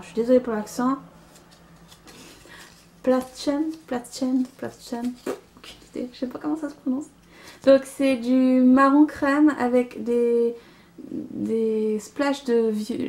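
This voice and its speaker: Chatting casually on her knitting podcast, a young woman shows the yarn she got, often using fillers and laughing lightly. She speaks with a fairly high pitch and a dark tone.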